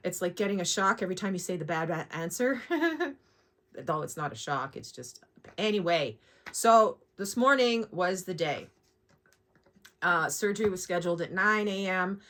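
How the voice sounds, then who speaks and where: A woman's voice: fairly low pitch, expressive, moderate pace, fairly bright tone. A woman of forty-nine talking casually to her vlog, candid, sweary and rambling with asides, sounding sore and a little shaken after surgery.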